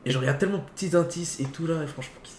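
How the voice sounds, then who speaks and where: A man co-hosts a casual film debate between friends, rambling informally in slangy, half-finished sentences. His fairly high voice races along with a slightly mellow quality, recorded in an echoey room with faint background noise.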